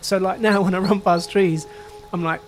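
High-voiced man, relaxed, in a noisy outdoor setting. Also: normal speed. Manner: relaxed and reflective, with fillers like "you know". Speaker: composer and sound artist. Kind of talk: interview.

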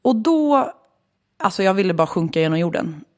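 A woman's voice: on the low side, big pitch swings. A woman in her late twenties from Sweden, telling a personal story in casual chat, candid and swearing freely. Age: 20s.

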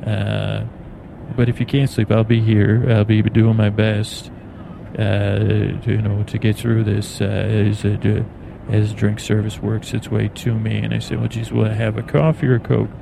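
An American man with a low, gravelly voice hosts a bedtime podcast aboard an airplane in flight, rambling in a soothing, halting, meandering way. Steady, clear plane cabin noise runs underneath him.

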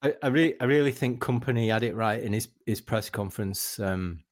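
A man on a football podcast panel, explaining things in a measured way with some ums. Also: on the low side, dry recording, studio quality. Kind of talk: casual football chat.

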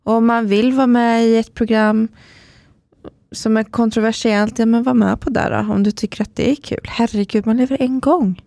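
A woman's voice: fairly high pitch, fairly even intonation, warm tone, no echo. A woman hosting a chat podcast, encouraging her guest and asking follow-up questions. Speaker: podcast host. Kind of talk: casual chat.

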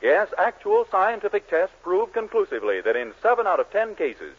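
A man's voice: sits high, big pitch swings, moderate pace, husky. A man announcing and narrating a 1940s radio comedy in a polished, emphatic delivery. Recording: tinny old radio broadcast with orchestra.

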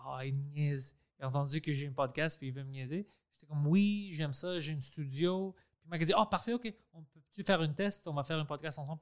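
Guy with an english accent talking french on his podcast, kinda high voice, lively, acts out what people told him. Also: clear, resonant tone. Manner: animated, acts out quoted dialogue, mixes in English words. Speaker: podcast host. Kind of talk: casual conversation.

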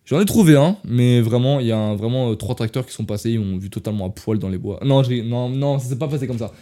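A man's voice: mid-range voice, fast, mellow. A young man from France telling travel stories in a casual, rambling podcast, often correcting himself and talking straight to his listeners. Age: young adult. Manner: rambling, restarts and self-corrections, addresses listeners as "les gars".

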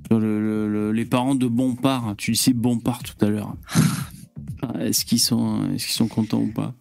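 A man's voice: fairly low pitch, level tone, moderate pace, vocal fry, a little mellow, faint music behind. A man hosting a casual live-stream chat, loose and profane, with lots of fillers. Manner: loose, swears often, trailing fillers. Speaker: host.

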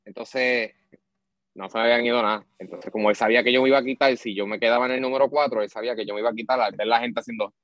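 A man's voice: mid-range voice, racing, highs cut off. A young Puerto Rican man, an army sergeant, telling stories in a casual interview with a Puerto Rican Spanish accent. He acts out the voices of the people in his stories and drops English phrases into his talk. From Puerto Rico. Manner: animated storyteller, mixes English phrases, acts out quoted voices. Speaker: guest, army supply sergeant.

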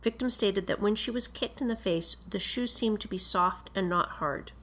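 A woman reading a police interview report aloud in a formal, measured, matter-of-fact way. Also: medium pitch, pushed and bright.

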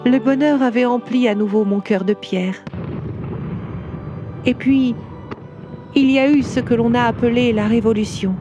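A woman's voice: on the high side, a little slow, long pauses, muffled recording, over music, lightly acted. A woman voicing an old, tender cathedral. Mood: wistful. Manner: tender, confiding storyteller. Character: ancient proud gentle female cathedral. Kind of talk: storybook audio drama narration.

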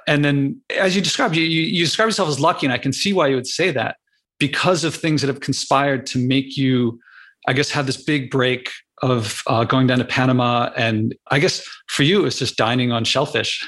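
A man's voice: medium pitch, moderate pace, a bit bright. A man hosts an interview and asks long, hesitant questions. He restarts and qualifies as he goes. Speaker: podcast host. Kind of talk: interview conversation.

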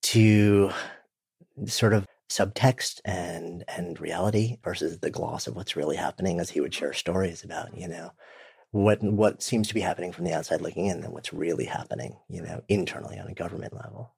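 A deep, gravelly man in his fifties hosts a relaxed interview, his husky voice dry and close to the mic. He asks long, thoughtful questions that wander and restart as he goes. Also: normal speed, no room sound. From New York, United States. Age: 50s. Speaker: podcast host. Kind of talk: casual interview conversation.

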